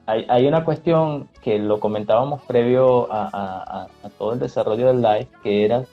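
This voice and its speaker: A man's voice: mid-range voice, normal speed. A man who teaches Spanish and hosts a live stream, talking in a frank, practical, reassuring way. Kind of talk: relaxed conversational advice. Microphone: phone or webcam on a live stream. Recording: dull lo-fi live stream audio with faint music.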